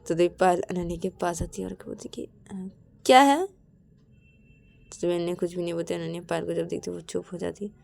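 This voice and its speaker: A woman narrating a story in a quiet, casual way, tying it together with repeated linking words. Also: fairly low pitch, completely flat delivery, fairly quick, creaky.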